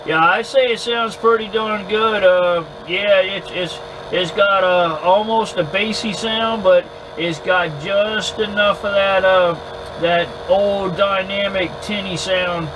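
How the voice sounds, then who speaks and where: High-pitched man chatting on two-way radio. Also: steady tone, slow pace. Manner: hesitant, easygoing, repeats words. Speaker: amateur radio operator recording contacts. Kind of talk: casual two-way radio chat. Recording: clear background hum and noise.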